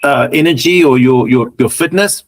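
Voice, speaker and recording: Chatty podcast host. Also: male voice, mid-range voice, moderate pace, low-quality recording. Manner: chatty and agreeable, backs the guest up. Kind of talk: casual podcast interview.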